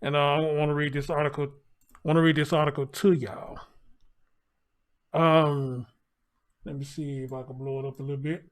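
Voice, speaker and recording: A man with a fairly high voice talks through a face mask, slightly muffled. He gives a casual news update to his viewers, halting often and repeating phrases for emphasis. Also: flat delivery. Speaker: online news commentator.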